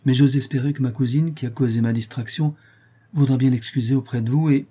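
A man's voice: mid-range voice, fairly even intonation, brisk, warm tone, husky, pitched above the performer's own voice, natural voice. A man voices a cordial, earnest young nobleman with a polite, eager manner.

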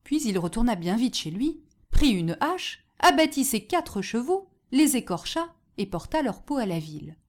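A woman narrating a fairy tale in an expressive storytelling manner. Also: a little high, moderate pace, hardly any pauses.

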